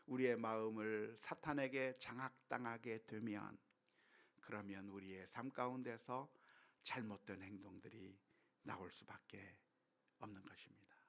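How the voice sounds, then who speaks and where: A male pastor preaching a sermon, moving between quiet, hushed passages and loud, impassioned appeals built on rhetorical questions. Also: medium pitch, creaky.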